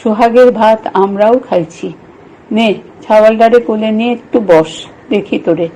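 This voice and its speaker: A woman's voice: medium pitch, normal speed, mellow, slight background noise, lightly acted, poor audio. A woman voicing a teasing old village milkwoman who talks in rustic dialect and scolds in banter.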